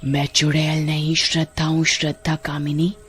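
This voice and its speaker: A woman voicing a stern, protective witch spirit in a storybook tale, speaking low and hushed. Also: unhurried, breathy edge.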